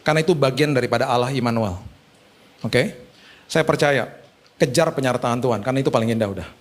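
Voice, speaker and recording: A man's voice: medium pitch, fast. A male pastor, preaching in a casual storytelling style that is chatty and slangy and sprinkled with English words.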